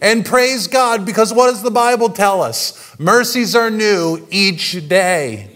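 A male pastor giving a sermon, telling stories with animation and swinging between loud and hushed delivery. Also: sits high, lively intonation, slow pace.

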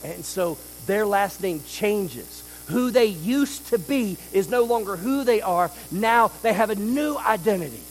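Pastor, male, high voice; punchy sermon delivery with rhetorical questions and sharp drops to quiet intensity. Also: lively intonation, unhurried, hardly any pauses, slight background noise, low-quality recording. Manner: swings between loud emphasis and quiet intensity, with rhetorical questions.

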